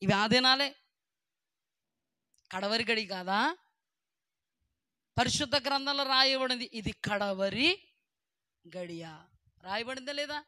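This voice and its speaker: A woman preaching a sermon, firing rhetorical questions at her listeners and swinging from low asides to loud, emphatic bursts. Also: expressive, takes it slowly, long pauses, no room sound.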